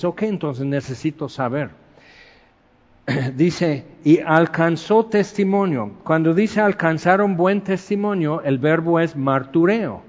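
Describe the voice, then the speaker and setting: A man preaches in an easy, conversational way, acting out stories with little bursts of sound effects. His voice sits somewhat high for a man. The recording is muffled and carries a long reverb from a large hall. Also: a little mellow. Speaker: pastor. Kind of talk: sermon.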